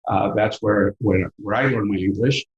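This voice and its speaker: Guesting on a podcast interview, a middle-aged man with a Mexican accent, a business school professor, talks thoughtfully but with many fillers and repetitions. His voice is on the low side at a moderate pace, with dull audio from an echoey room.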